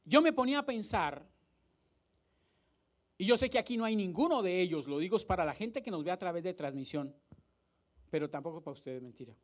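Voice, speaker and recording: A man's voice: high voice, expressive, brisk, pauses often. A man preaching a sermon as pastor, acting out scenes and asking rhetorical questions. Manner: dramatic, acts out the crowd and the blind man's cries, rhetorical questions. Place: church hall.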